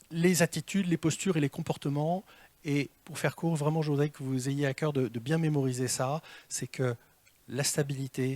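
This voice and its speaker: A man coaching a live audience on presentation skills, in a lively, theatrical way, asking them questions as he goes. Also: medium pitch. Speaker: communication trainer. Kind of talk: live workshop talk to an audience. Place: meeting room with an audience. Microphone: handheld mic.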